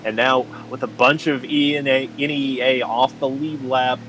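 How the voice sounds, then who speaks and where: Guy breaking down race strategy, mid pitch, bit of hiss behind. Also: fairly even intonation, normal speed, fairly bright tone. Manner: analytical, laughs easily, many fillers. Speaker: color commentator. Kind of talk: sim racing commentary.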